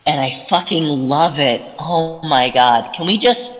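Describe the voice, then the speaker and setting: Slow-paced, higher-voiced man in a reverberant space. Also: dull audio. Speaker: tabletop game player. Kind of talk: casual joking game chat. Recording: long hall-like reverb.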